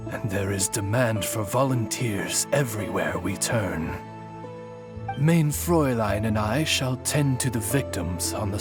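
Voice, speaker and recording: Slow, dignified, low-voiced raven butler, overacted anime style. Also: male voice. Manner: formal, florid, courtly diction. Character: loyal, dignified raven familiar serving as eloquent butler-like interpreter.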